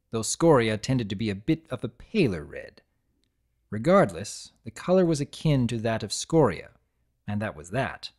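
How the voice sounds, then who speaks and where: A man reading a story aloud as scripted dramatic narration, in a measured, expressive storytelling manner. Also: medium pitch.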